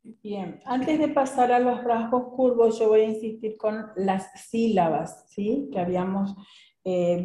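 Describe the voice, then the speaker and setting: A woman teaches a recorded class, taking her time over each point and pausing to check that her students follow. Her voice is mellow and unhurried. The room around her adds a noticeable echo. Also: a little high. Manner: patient, explanatory, checks in with students. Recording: echoey room.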